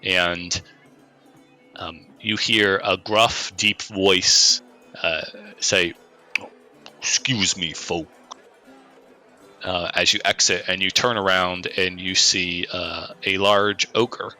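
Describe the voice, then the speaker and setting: Guy game mastering a fantasy game, sharp bright voice, kinda low, feeling his way through the narration. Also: little pitch movement, takes it slowly, faint music behind.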